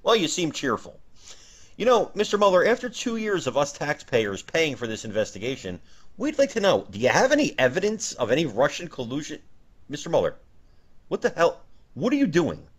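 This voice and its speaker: A man's voice: fairly high pitch, very animated, fairly quick, husky. Emphatic, mock-indignant male host. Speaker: comedy show host. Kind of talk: comedy sketch hosting.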